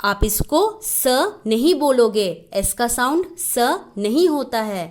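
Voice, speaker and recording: A woman's voice: a little high, lively intonation, unhurried, darkish tone. A woman teaching phonics to children, sounding out each letter patiently and explaining how to shape the mouth. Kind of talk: slow children's phonics lesson.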